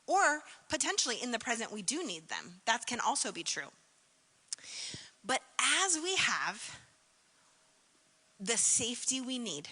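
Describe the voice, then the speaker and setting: A woman's voice: a little high, bright, forceful tone, long reverb tail. A woman giving a conference keynote in a conversational, reflective way, full of "like" and "um" fillers. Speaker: keynote speaker.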